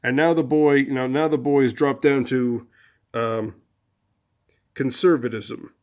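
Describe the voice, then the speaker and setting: Man, mid-pitched voice, casual advice monologue, rambling, restarts and fillers, gets loud when acting out anger. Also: steady tone, unhurried. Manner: rises loud and high when acting out angry lines. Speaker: host of a relationship advice video series.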